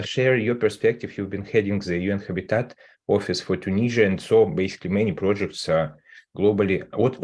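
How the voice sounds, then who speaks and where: A man moderating a webinar panel, courteous and gently inviting each panelist to speak. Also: deep voice. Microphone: video call.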